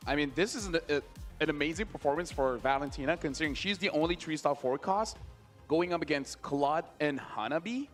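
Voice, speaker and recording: A man doing live esports commentary as a caster, excitable and emphatic. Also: fairly high pitch, fairly quick, soft background music.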